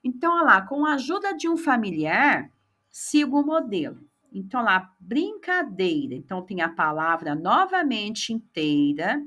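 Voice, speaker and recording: A woman's voice: mid-range voice, big pitch swings, normal speed, fairly bright tone. A Brazilian woman teacher patiently explaining a classroom activity, repeating key words often. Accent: Brazilian Portuguese. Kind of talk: instructional explanation.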